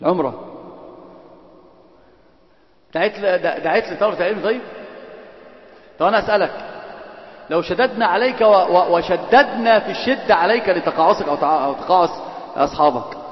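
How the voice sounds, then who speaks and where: A man delivers an Islamic lesson at a rapid clip, moving between formal classical phrasing and colloquial asides. He teases and quizzes his students. His high voice rings through a long, echoey hall on a dull, lo-fi recording. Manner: mixes classical and colloquial speech. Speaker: religious teacher.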